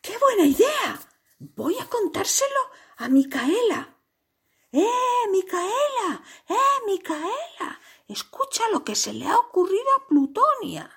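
A woman voicing an eager young female giraffe in a children's story, in a high excited voice. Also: slow, full character voice.

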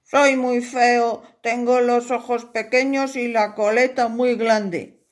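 A woman's voice: fairly high pitch, little pitch movement, slow, pitched above the performer's own voice. Shy, humble young man in a children's tale, voiced by a woman.

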